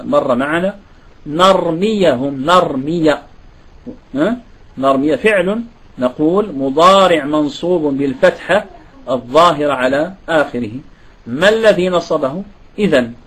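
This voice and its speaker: A man's voice: a little high, slightly rough, poor audio. A man giving a classroom grammar lesson, often asking students rhetorical questions. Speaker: Arabic grammar teacher.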